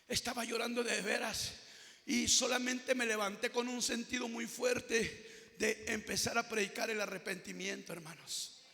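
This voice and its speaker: A male pastor preaching a sermon, moving between shouted, sung-out exhortation and quiet storytelling. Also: very high-pitched, gravelly, long reverb tail.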